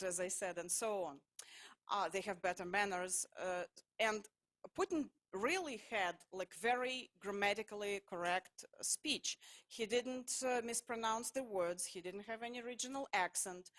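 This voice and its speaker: Halting woman. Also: mid-range voice, a bit bright. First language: Russian. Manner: halting, full of hesitations and restarts. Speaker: speaker at a public talk. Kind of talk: lecture-style public talk.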